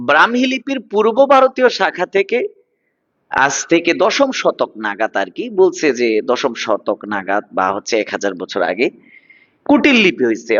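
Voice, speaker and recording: The dull, lo-fi audio of an online class carries a fairly bright, high-sitting voice. The teacher, a man from Bangladesh in his thirties, encourages his students gently and says words over again.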